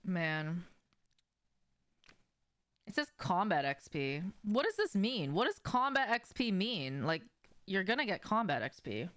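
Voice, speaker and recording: Very animated yet measured in pace, a young adult streamer with a medium-pitched, slightly bright voice chats casually with viewers during gameplay. Her talk is informal, slangy, and prone to swearing, and she's indoors in a small shelved room at home.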